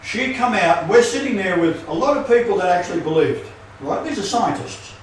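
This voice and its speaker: A man with a high voice rambles through casual talk, ending lines with a questioning "right?". He sits far from the mic in a very echoey space, with a faint hiss behind him. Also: lively intonation, a little fast. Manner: rambling, tags sentences with "right?". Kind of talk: casual conversation.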